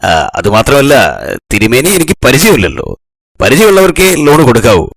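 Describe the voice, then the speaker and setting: A calm bank manager in a kids' cartoon, politely refusing a loan in a dry, matter-of-fact way. His voice sits lower than the lord's, with a gravelly edge. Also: fairly quick, no echo.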